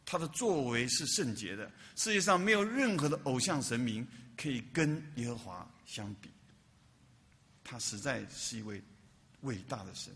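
A man's voice: medium pitch, expressive, moderate pace, fairly bright tone, long reverb tail. A man preaching a sermon as a pastor, often asking the congregation questions and repeating words for emphasis.

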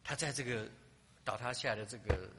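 A man's voice: mid-range voice, a little fast, long reverb tail, noisy background. A man preaching a sermon, telling a story and often ending his phrases with a tag word "ha". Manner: frequent "ha" tag at ends of phrases; retells scenes with acted-out quotes.

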